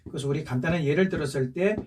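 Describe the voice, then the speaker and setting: A man's voice: on the high side, racing, darkish tone, breathy edge, far from the mic. A male teacher giving a patient recorded lesson, going over each point again and checking in with rising questions. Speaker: Chinese language teacher. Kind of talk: recorded classroom lesson for seniors.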